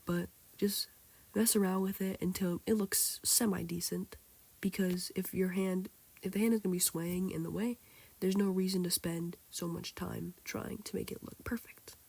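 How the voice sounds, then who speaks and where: A sick teenage girl with a hoarse, childlike-sounding voice, rambling casually through a drawing tutorial with lots of fillers. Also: fairly low pitch, fairly even intonation, normal speed, darkish tone. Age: teens. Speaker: tutorial maker. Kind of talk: casual screen-recorded tutorial.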